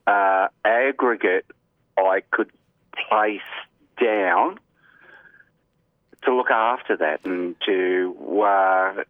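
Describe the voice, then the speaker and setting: An Australian man calling in by phone, casually talking and haltingly searching for his words. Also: deep voice, dry recording. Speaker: caller. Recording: muffled narrowband telephone line.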